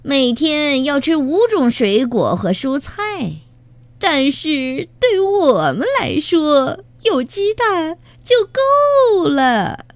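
Storybook weasel bandit boss, read by a woman: gloating, sneering, slightly high. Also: sing-song, slow, no room sound, exaggerated voice. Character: scheming male weasel bandit chief.

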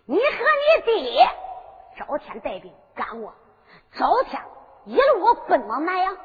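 A woman's voice: high voice, long reverb tail, narrow, tinny audio. A woman with a Henan accent voicing a bold, defiant young man who is destined to be emperor, taunting his captor in a storytelling performance. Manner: taunting, emphatic storyteller delivery.

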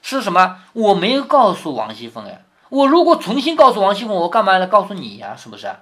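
A man reads a classic novel aloud to his daughter, stopping often to explain. He keeps checking in with rhetorical questions. His pitch swings in a lively way. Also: fast. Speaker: father reading to his daughter. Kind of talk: reading aloud with commentary.

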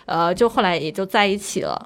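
A woman's voice: lowish voice, expressive, fast, a bit bright. A woman co-hosting a casual chat show, telling childhood stories with many restarts and giggles. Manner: chatty storyteller, lots of restarts and giggles. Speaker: radio show co-host.

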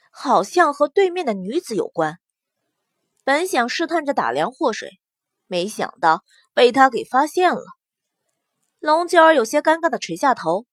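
A woman's voice: high voice, no room sound. A woman narrating a novel as scripted audiobook narration, telling the story expressively. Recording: dry close studio sound.

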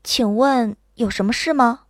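A woman's voice: on the high side, unhurried, dry recording, studio quality, close to an everyday voice. A woman voicing a spirited young modern heroine in an audio drama who speaks bluntly and directly. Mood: gentle.

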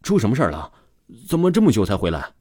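A man's voice: on the low side, wildly swooping pitch, fast, mellow, slightly rough, dry recording, studio quality, exaggerated voice. A man voicing a chatty middle-aged swim coach. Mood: anxious.

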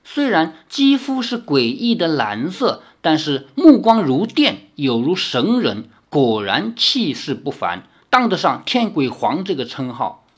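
A storyteller reading a novel aloud, pausing for casual asides that explain the text. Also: mid-range voice, very animated, breathy edge. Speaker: novel reader.

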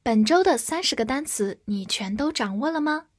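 A woman's voice: high voice, animated, normal speed. A woman English vocabulary teacher giving an upbeat, scripted introduction to her lesson and speaking straight to her listeners. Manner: upbeat, addresses listeners directly.

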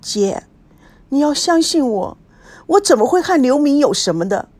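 A woman acts out a heartbroken young woman in a story reading. She pleads tearfully, her high voice swinging widely. Close, dry sound. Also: big pitch swings, normal speed, darkish tone, dry recording. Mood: earnest.

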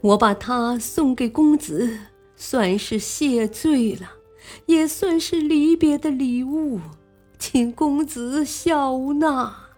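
A woman voicing a tearful old male courtier who pleads slowly to retire, in a storybook reading. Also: high-pitched, a little mellow, soft background music, pitched above the performer's own voice. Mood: tearful pleading. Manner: slow pleading lament.

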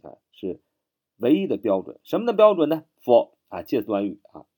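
A man's voice: mid-range voice, big pitch swings, darkish tone. A man teaching English vocabulary in a spoken lesson, spelling words out letter by letter and repeating them patiently. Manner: patient, repetitive, ends phrases with drawn-out particles.

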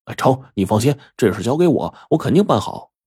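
A man's voice: medium pitch, sing-song, warm tone, slightly rough, no echo, studio quality, pitched above the performer's own voice, full character voice. A man doing an eager, loyal young opera player. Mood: assuring. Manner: eager, quick.

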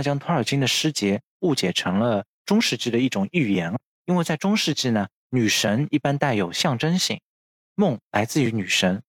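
A male podcast host reads literary history from a script, explaining it in a bookish manner. His voice is on the low side with no echo, and music runs under it.

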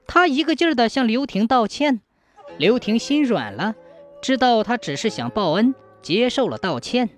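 A woman narrating a folk ghost story in an expressive storytelling manner. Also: a little high, normal speed, faint music behind.

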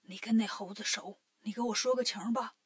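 A woman voicing a hot-tempered middle-aged male heavenly king in a children's story, speaking loudly and indignantly. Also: medium pitch, fairly even intonation, fairly quick, lightly acted. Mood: flustered.

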